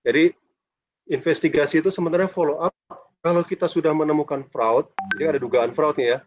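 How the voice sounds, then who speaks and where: A man's voice: a little high, steady tone, fast, dry recording. A man lecturing a university class over a video call with a dull, choppy connection, chatty and ending phrases with a questioning "ya". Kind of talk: casual online class lecture.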